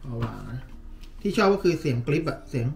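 A man's voice: a little high, fairly quick. A man talking casually as he unboxes and reviews a tablet case, thinking aloud with lots of fillers. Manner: relaxed, chatty, thinking aloud with many fillers.

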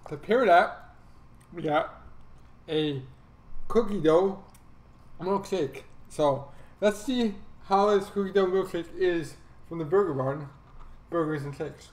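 Male food vlogger, higher voice, unhurried tasting commentary, echoey room. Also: a little mellow. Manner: unhurried, pausing between bites, murmuring while tasting. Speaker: food reviewer. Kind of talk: casual food review vlog.

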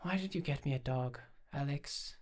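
A man voicing a withdrawn, sharp-tongued young woman who answers with dry, defensive retorts. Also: on the high side, animated, normal speed, natural voice. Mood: hushed.

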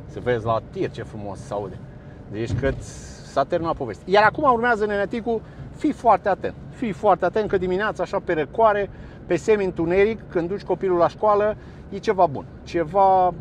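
A man giving chatty, sarcastic commentary straight to his viewers while standing beside a busy road. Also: on the high side. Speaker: local vlogger. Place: roadside by a busy road, outdoors. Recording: faint outdoor traffic noise. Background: passing traffic and trucks.

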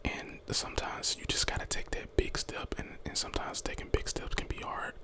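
Young American man, whispered ASMR pep talk, breath-only voice, close mic, encouraging, slangy, informal. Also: fairly quick. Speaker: ASMR content creator. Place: small bedroom, indoors. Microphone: close handheld desk condenser microphone.

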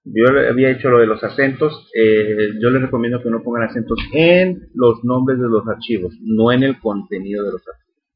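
A man's voice: mid-range voice, moderate pace. Patient male teacher, slightly dull recording. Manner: patient, repeats steps, checks in with "ok". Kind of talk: screen-recorded spreadsheet tutorial.

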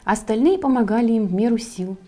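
A woman, the author, reading her own fairy tale for children, with a calm, expressive delivery. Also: on the high side, fairly quick, faint music behind. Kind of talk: storybook narration for children.

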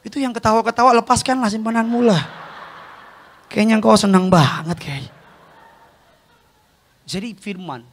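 A man's voice: high voice, normal speed, pauses often, a little hiss or hum. A middle-aged male pastor preaching a humorous sermon in a church, joking and acting out the voices of his congregants. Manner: jokey, acts out congregants' voices.

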